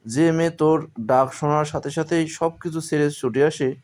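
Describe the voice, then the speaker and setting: An actor playing a stern older uncle in an audio drama, questioning sharply. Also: male voice, a little high, fairly even intonation, moderate pace, a little mellow, natural voice.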